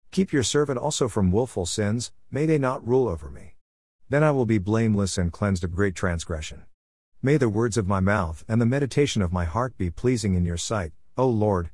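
Low-voiced man reading scripture aloud. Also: no echo, clean studio sound. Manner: measured, steady reading cadence. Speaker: scripture reader.

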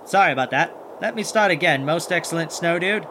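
A man's voice: a little high, brisk, noisy background, natural voice. A man playing a plucky, kindhearted, wisecracking monster hunter who narrates and acts in a children's audio adventure with folksy exclamations. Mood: awed, nervous. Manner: folksy exclamations, animated chatter to sidekick.

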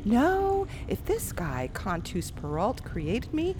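Lady as a sardonic thief heroine, slow wry delivery, swings all over, audio drama. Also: mid-range voice, huge pitch swings, background noise. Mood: reasoning, challenging. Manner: wry, challenging. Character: defiant, sardonic heroine thief, unimpressed by threats. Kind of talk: dramatic audio fiction acting.

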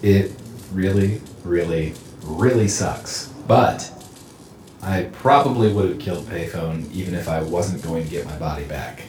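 A man's voice: deep voice, unhurried, darkish tone. A man playing a laid-back, bodiless, staticky figure who talks in casual slang. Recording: roomy echo with faint hiss.

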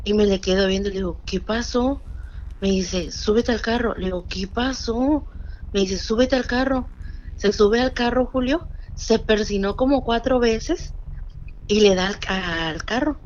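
A woman's voice: mid-range voice, moderate pace. A woman with a Mexican Spanish accent recounts a frightening experience to a host in an easy, conversational way. She drops into the voices of the people she describes as she goes. Her voice comes through a slightly dull line with a faint hiss behind it. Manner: animated retelling with quoted dialogue. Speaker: caller telling a true scary story. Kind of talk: casual storytelling.

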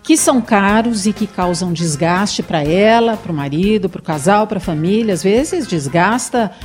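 A woman's voice: medium pitch, animated, darkish tone. Brazilian woman radio host, faint music. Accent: Brazilian Portuguese. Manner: measured, introduces topic and guests. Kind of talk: radio talk show hosting.

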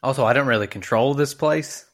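A man voicing a coolly ruthless male hybrid rival for a crown, in an Irish accent, calm and matter-of-fact. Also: mid-range voice, fairly quick, lightly acted. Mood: explaining. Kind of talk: tabletop game character voice.

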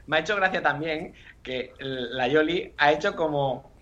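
A man's voice: on the high side, unhurried, a bit bright, lo-fi sound. A man co-hosting and chuckling as he explains the clip he prepared. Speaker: podcast co-host, clip editor. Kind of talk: casual chat.

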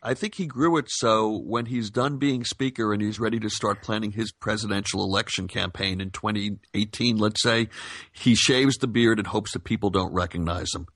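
A man's voice: lowish voice, normal speed, a bit bright, dry recording. A man on a podcast, teasing and contrarian in casual political chat.

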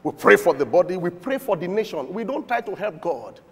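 Male preacher, high voice, very lively pitch, emphatic, long hall reverb. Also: fairly quick, husky. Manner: emphatic, swings between shouting and murmuring, chuckles often. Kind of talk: sermon.

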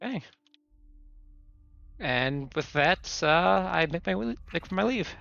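A man playing his character in a tabletop game, speaking formally and gravelly, with halting restarts. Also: high-pitched, lively intonation, bright, forceful tone, dry recording. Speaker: player. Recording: muffled, lo-fi mic with faint music.

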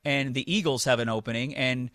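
A man hosting sports talk radio, giving animated opinions with lots of restarts. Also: medium pitch, fairly quick, dry recording. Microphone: studio mic.

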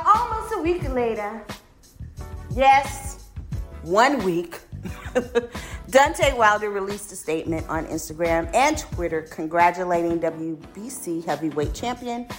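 A woman presenting a bubbly, playful sports news roundup and cheering on the home teams. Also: medium pitch.

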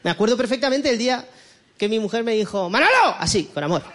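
A man's voice: high-pitched, animated, fast, a little hiss or hum. A middle-aged man with a Spanish accent from Spain, performing a stand-up comedy set in a mocking, exaggerated way and slipping into voiced impressions. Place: comedy club stage with a live audience. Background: audience laughter.

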